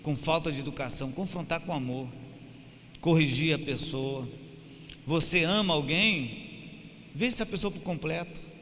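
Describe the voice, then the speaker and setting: A male pastor with a Brazilian Portuguese accent preaching a sermon in church, his voice building up to loud, emphatic peaks. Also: on the high side, moderate pace. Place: church hall. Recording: hall reverb, faint room noise.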